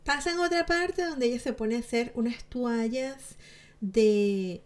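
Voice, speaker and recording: A woman's voice: on the high side, unhurried. A woman giving chatty, sarcastic commentary to her viewers, laughing often. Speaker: celebrity gossip vlogger.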